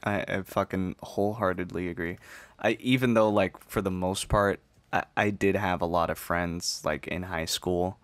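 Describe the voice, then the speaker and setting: A deep-voiced podcast host of 19, about to turn twenty, chats casually at normal speed in a steady tone. He rambles and swears for emphasis as he makes his points. The recording has no echo.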